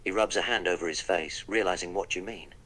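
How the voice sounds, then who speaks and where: The Doctor, husky deep-voiced time traveller voiced by a man. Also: fairly quick, sharp tone, poor audio. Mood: wry. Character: the Doctor, eccentric male time traveller, wry and polite. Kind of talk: text-to-speech role-play with narrated actions.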